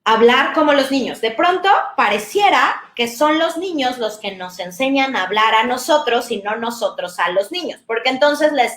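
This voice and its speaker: A woman speech therapist, explaining to parents in a warm, conversational way with everyday examples. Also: high-pitched, roomy sound. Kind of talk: talk to parents.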